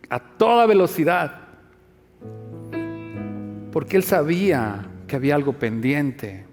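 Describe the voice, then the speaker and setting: A male pastor preaching a sermon, moving between hushed, searching questions and loud, emphatic passages. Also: fairly high pitch, long reverb tail.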